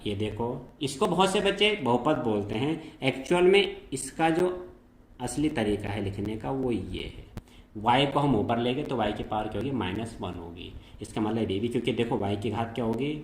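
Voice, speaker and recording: A man's voice: medium pitch, roomy sound. A man teaching a math lesson to school students. He explains step by step and keeps checking that they follow.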